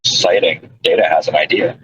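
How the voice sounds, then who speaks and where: A man's voice: a bass voice, fairly even intonation, a little fast, fairly bright tone, breathy edge, no room sound. A man co-hosting a casual podcast over a call from his moving car, rambling and correcting himself as he goes. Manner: rambling, self-correcting, chuckles often. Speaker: podcast co-host. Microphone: voice call from a phone. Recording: dull lo-fi call audio.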